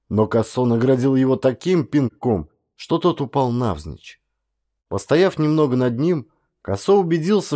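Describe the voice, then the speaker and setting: Man narrating a story, measured. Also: on the high side, dark tone. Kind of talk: scripted audiobook narration.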